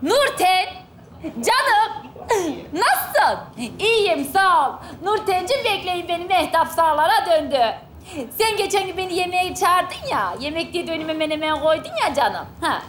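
A woman playing a brash, quick-tongued shopper in a stage comedy sketch. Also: extremely high pitch, lively intonation, a bit bright. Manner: brash, quick, comically indignant. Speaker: shopper character. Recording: live stage show with audience noise. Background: studio audience laughing.

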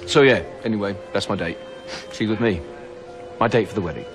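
A man's voice: lowish voice, brisk, natural voice. An actor playing a sardonic, teasing British male vampire in a television drama, speaking with a wry drawl. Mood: awkward. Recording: dialogue over background music.

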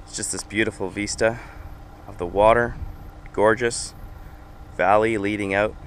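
A man's voice: lowish voice, a little slow. Man narrating a windy outdoor walk. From Canada. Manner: relaxed, explaining as he walks. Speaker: sailing family vlogger. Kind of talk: casual travel narration. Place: outdoors on a windy volcanic island. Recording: loud wind noise on the mic.

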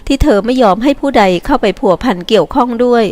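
A woman voicing a gentle, forgiving young girl who speaks softly and sweetly. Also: a little high, fast talker, voice pushed up, lightly acted. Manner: soft, sweet and soothing.

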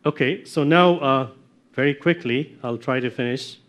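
A middle-aged man giving a technical lecture from slides, often checking in with "okay?" and clearing his throat. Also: medium pitch, normal speed, fairly bright tone. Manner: explanatory, checks in with frequent "okay?". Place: darkened lecture room with projector screen.

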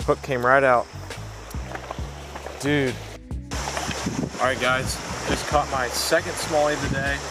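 A man's voice: medium pitch, slow, long pauses, music in the background. Chatty teen guy fishing a creek. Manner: excited, chatty, says dude a lot. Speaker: fishing vlogger. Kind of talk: casual outdoor vlog narration. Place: outdoors by a creek. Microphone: action camera.

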